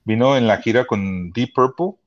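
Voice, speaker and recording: A man, telling concert stories as a podcast guest in a casual, profane, animated way. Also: mid-range voice, normal speed, highs cut off. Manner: profane, animated, many restarts. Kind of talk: casual storytelling chat. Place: Chula Vista hospital.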